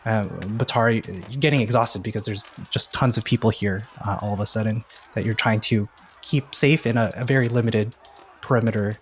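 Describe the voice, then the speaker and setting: A man's voice: fairly low pitch, steady tone, brisk, slight background noise. Man narrating as game master. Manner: hesitant, filler-heavy narration.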